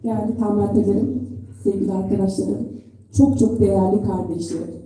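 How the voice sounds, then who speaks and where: A middle-aged woman giving an earnest, deliberate public speech as a delegate at a pulpit microphone. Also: medium pitch, level tone, warm tone. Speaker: delegate speaking at a federation congress. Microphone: podium microphone in a hall. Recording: echoey hall PA, distant microphone.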